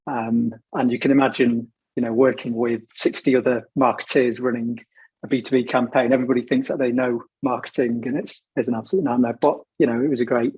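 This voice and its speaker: A man appearing as a panel guest rambles chattily through stories of his working life, his mid-range voice husky and worn from a sore throat. His tone is level and darkish and his pace a little fast. The lo-fi recording is dry and close, with no room sound.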